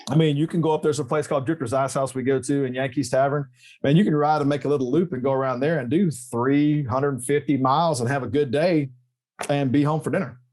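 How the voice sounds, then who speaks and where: Animated man telling stories. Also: fast. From Texas. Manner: animated, joking storyteller with emphatic pitch jumps. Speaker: podcast guest. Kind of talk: casual interview chat.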